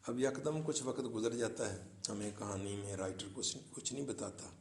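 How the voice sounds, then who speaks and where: A man's voice: fairly low pitch, reverberant, a little hiss or hum. A man teaching English, retelling a story, then reading English lines aloud and translating them for his students, with notes on pronunciation. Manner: explains pronunciation and word meanings to students.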